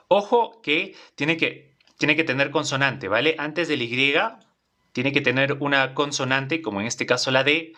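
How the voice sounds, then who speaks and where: A man's voice: mid-range voice, bright, forceful tone. A man teaching an English class in Spanish, patient and repetitive, often checking in with his students. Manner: patient, repeats phrases, checks in with "¿vale?".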